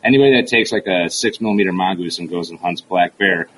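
Blunt low-voiced man giving advice. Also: fast talker, a bit bright, slight background noise, low-quality recording. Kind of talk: casual podcast chat.

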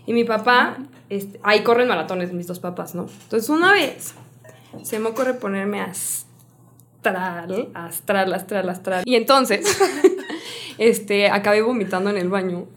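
A young woman with a Mexican accent, telling a funny story in casual chat, lively and joking. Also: medium pitch, measured pace. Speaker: podcast co-host.

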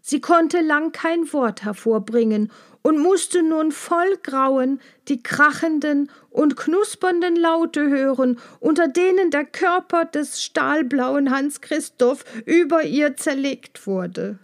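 A woman reading a children's story aloud in an expressive storybook narration. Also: high-pitched. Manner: slow, expressive read-aloud. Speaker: audiobook reader.

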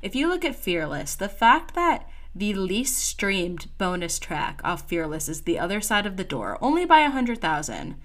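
A woman's voice: mid-range voice, very animated, normal speed, hardly any pauses, a bit bright. A woman co-hosting a casual chat show, chatty and opinionated. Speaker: podcast co-host.

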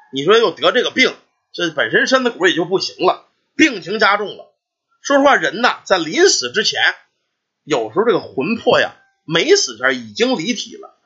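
Casual: guy telling a ghost story, bright and bouncy, chatty asides. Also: high voice, breathy edge. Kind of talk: oral folk storytelling. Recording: dull lo-fi recording.

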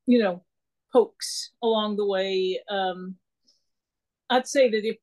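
A woman guest in a casual interview, telling her story in an animated way and acting out what people said. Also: medium pitch. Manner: animated storyteller who acts out quoted dialogue. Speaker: podcast guest.

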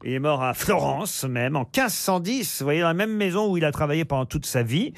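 High-voiced chatty radio quiz host. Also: male voice, lively intonation, fairly quick, creaky, no echo, clean studio sound. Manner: chatty, reads prize plugs, teases panelists. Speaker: radio game show host. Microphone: studio microphone.

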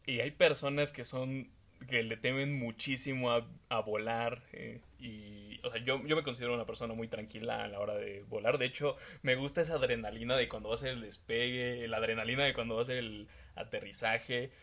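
A man with a Mexican accent, co-hosting a casual discussion in a relaxed, conversational way. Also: medium pitch, fairly quick. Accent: Mexican Spanish. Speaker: podcast co-host.

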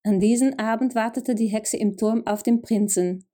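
Mellow woman telling a fairy tale. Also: on the high side, normal speed. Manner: addresses the listener directly, gentle. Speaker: storyteller.

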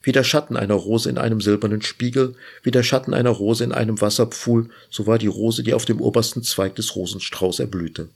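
A man reads a fairy tale aloud with measured, lyrical phrasing. His voice sits low and carries a husky, gravelly grain. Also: fairly even intonation. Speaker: host reading literature. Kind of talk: storybook reading.

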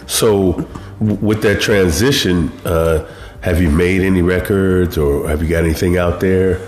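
Man with very deep, low magnetic voice. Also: steady tone, unhurried, a little mellow. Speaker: interview show host. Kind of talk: interview hosting. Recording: roomy echo with faint noise.

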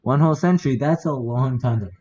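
A man's voice: mid-range voice, fast talker, dark tone. A male podcast co-host chatting casually, joking and hesitant with many ums. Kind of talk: casual chat. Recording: dull lo-fi recording.

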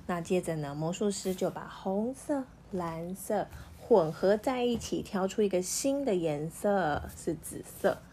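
A woman reading a picture book aloud to her child at home, pausing to ask the child questions as the story goes. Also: on the low side, a little hiss or hum. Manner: lively, questioning the child as she reads.

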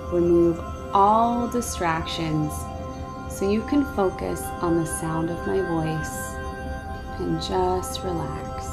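A woman softly guiding a relaxation hypnosis in a soothing manner, leaving pauses between phrases. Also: fairly low pitch. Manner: soft, slow, soothing delivery with pauses. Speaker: podcast host and hypnosis guide. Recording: loud music behind the voice. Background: music.

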